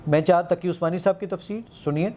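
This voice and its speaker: A man with a fairly high voice walks an interviewer through his app, quoting his own commands and counting off seconds. His tone is mellow and soft-edged. A faint hum of noise sits behind him. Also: fairly even intonation. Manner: eager, quotes himself giving commands, counts aloud. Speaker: app founder demonstrating his app. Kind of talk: animated demonstration in an interview.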